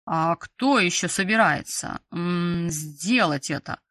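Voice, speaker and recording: A woman's voice: medium pitch, lively intonation, normal speed, a bit bright, no room sound, close to an everyday voice. A woman reading an audiobook, voicing a stern, sarcastic female school director with a curt, grumbling manner.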